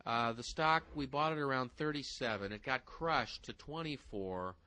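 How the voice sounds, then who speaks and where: A man co-hosting a casual financial talk show, rattling through stock figures in a brisk, folksy way. His voice is bright and forceful. The sound is dry and close-miked. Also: mid-range voice, no room sound, poor audio. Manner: brisk, folksy, numbers-heavy, addresses listeners directly. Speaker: stock-picking co-host.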